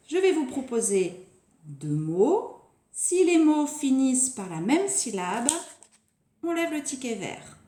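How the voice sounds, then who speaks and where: A woman teacher talks slowly and carefully, drawing out each word for small children. Her voice is mellow and lilting, rising and falling a lot, and it echoes around a roomy space. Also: high voice. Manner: slow, deliberate, stretching out words for small children. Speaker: preschool teacher. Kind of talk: recorded phonics lesson for young children. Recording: echoey room.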